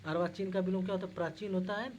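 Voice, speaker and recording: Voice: mid-range voice, fairly even intonation, racing, darkish tone, muffled recording, a little hiss or hum. A teacher working through exam questions, reading each one and then explaining it, answering their own questions and calling the listeners "guys". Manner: asks questions and answers them, repeats key terms; repeats the same point several times.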